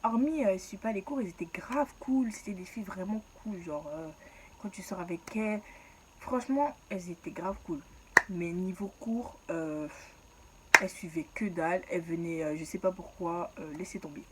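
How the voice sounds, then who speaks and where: Animated young woman with a foreign accent telling a story. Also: lowish voice, moderate pace, background noise. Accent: foreign accent in French. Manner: lively, animated storytelling with asides. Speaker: vlogger. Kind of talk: casual storytime.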